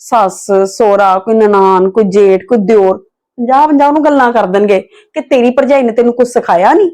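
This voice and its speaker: A woman's voice: a little high, brisk, a little mellow, natural voice. A young woman, playing a sensible wife who firmly lectures her husband about his sister. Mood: lecturing.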